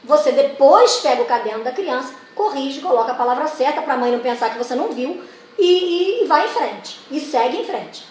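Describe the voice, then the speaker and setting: A woman's voice: sits high, expressive, a little fast, darkish tone. A woman training teachers, explaining step by step with many examples and acting out classroom questions. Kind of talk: explanatory lesson. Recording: echoey room with faint noise.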